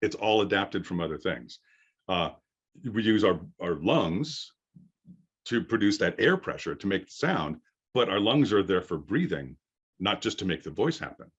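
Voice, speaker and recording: Deep, firm-voiced middle-aged man teaching. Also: animated, husky, lo-fi sound. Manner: explanatory, halting with pauses for thought. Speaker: voice acting coach. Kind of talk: informal workshop lecture.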